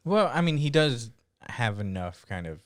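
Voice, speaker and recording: A man co-hosting a casual podcast, laid-back and measured, often murmuring agreement while his co-host talks. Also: medium pitch, sing-song, no echo, clean studio sound. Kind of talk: casual chat.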